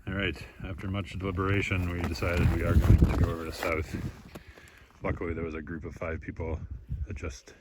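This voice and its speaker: A man's voice: low-pitched, level tone, brisk. A man chatting casually on camera as a hiking vlogger while trudging through snow on a mountain trail. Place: outdoors on a snowy mountain trail. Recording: noisy outdoor hike recording.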